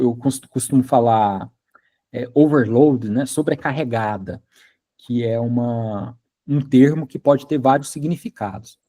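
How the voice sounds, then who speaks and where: In a Brazilian Portuguese accent, a university lecturer chats his way through an informal class, using plenty of fillers and regularly checking that students understand. His voice is medium in pitch and a little mellow.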